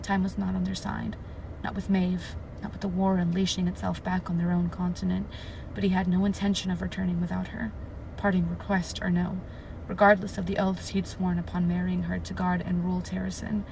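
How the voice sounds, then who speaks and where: On a livestream, a woman in her 20s reads from a book, then drifts into rambling, filler-heavy chat with her viewers. Her voice is lowish, gravelly and a little mellow, with flat pitch, a slightly quick pace and hardly a pause. There's faint noise in the background.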